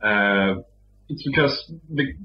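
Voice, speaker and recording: Young Swedish-accented man, soft-spoken and relaxed, interview guest, muffled low-fi audio. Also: slow, soft background music. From Sweden. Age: young adult. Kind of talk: casual interview.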